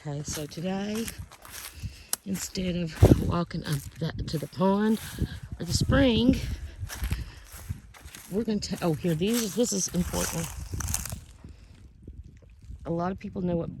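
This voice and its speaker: A woman giving a casual, folksy walking vlog, talking to viewers in a halting, rambling way. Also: fairly low pitch. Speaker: vlogger and outdoor guide. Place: outdoors on a rural field and hollow trail. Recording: outdoor handheld recording with faint noise.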